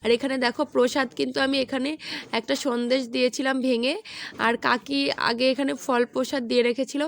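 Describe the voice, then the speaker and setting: A woman vlogger with a hoarse, feverish voice, narrating a voice-over while lying down and talking chattily to her viewers. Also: high voice, level tone, fairly quick. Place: indoors at home, lying in bed.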